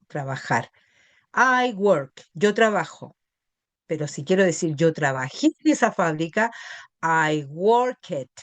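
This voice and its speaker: Middle-aged Chilean woman, English teacher; unhurried, patient explainer, lowish voice. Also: dry recording. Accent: Chilean Spanish. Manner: patient, checks understanding with tag questions. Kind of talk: classroom lesson explaining grammar.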